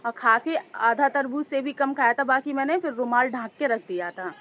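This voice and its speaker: Hoarse woman rambling to her viewers. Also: high voice, normal speed, muffled recording. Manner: rambling, talks straight to viewers as "guys". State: hoarse, sore throat. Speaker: vlogger. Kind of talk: casual chatty vlog. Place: outdoors high up on a two-storey house.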